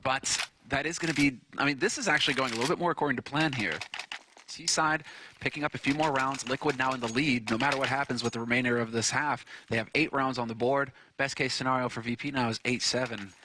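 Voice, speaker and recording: A man's voice: medium pitch, quick pace, noisy background. Male esports caster over game gunfire. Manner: excitable on big plays, conversational between them. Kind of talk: esports match commentary, play-by-play and analysis. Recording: clear game gunfire and clicks behind voice. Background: video game gunshots and clicks.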